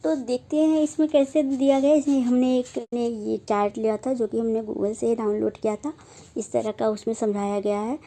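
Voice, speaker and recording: Young female teacher with a fairly high, mellow voice, slow and repetitive, sounding out example words. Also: little pitch movement. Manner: slow, repetitive, says each example word aloud. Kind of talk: phonetics lesson explained in Hindi.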